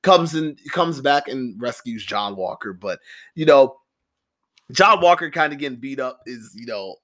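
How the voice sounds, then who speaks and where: Young guy on a podcast, lively and chatty, pitch jumping up when he gets excited. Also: measured pace. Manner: animated, laughing, filler-heavy. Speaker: podcast co-host. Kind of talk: casual podcast chat.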